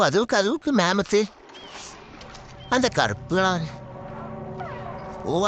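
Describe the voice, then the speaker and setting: Excitable young man calling gameplay. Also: fairly high pitch, no room sound. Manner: excitable, repeats words in quick bursts. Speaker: gaming channel host. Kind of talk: live gameplay commentary.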